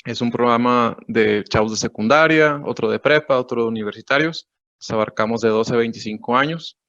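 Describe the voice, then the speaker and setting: A man from Monterrey, introducing himself in a measured, formal way over a video call. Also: medium pitch, a bit bright, dry recording. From Monterrey, Mexico. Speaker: director of a youth association. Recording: dull, dry video-call audio.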